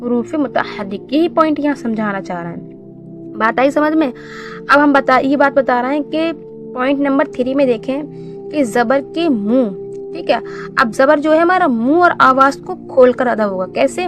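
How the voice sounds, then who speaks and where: A woman teaching a beginners' Quran reading lesson. She asks questions and answers them herself, and drills syllables slowly and clearly. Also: high-pitched, over music.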